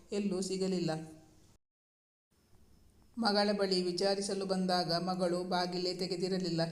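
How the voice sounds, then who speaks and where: A man narrates a romance novel in a slow, even storytelling manner. His voice is high for a man and almost flat in its pitch movement. The sound is roomy and echoing.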